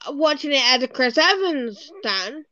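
A woman co-hosting a podcast in casual chat, excitable and fangirling, swearing freely. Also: high voice, moderate pace, dry recording, highs cut off. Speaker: podcast co-host.

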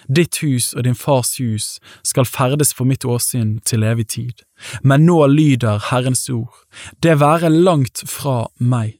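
A man reading scripture aloud in a measured, steady way, lightly shading the quoted speech. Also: mid-range voice, dry recording, studio quality. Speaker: Bible reader.

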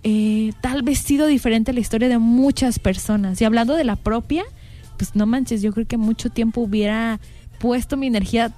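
A woman's voice: on the high side, normal speed, warm tone, soft background music. A young woman with a Mexican accent, co-hosting a casual panel chat and thinking aloud with frequent fillers. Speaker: podcast co-host.

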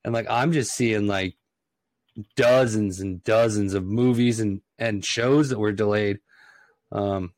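A man's voice: lowish voice, steady tone, slow, no echo. A man co-hosting a casual podcast, rambling with lots of fillers and the odd joke. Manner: rambling, filler-heavy, jokey. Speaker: podcast co-host. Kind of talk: casual chat.

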